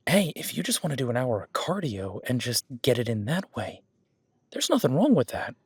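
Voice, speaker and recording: In full character voice, a man plays a relaxed werewolf who loves working out and encourages his partner, rambling through self-corrections in a casual, reassuring way. His medium-pitched delivery is sing-song, moderately paced, darkish and slightly rough, with an encouraging, casual mood. The roleplay is captured very dry, with hardly any room and no echo.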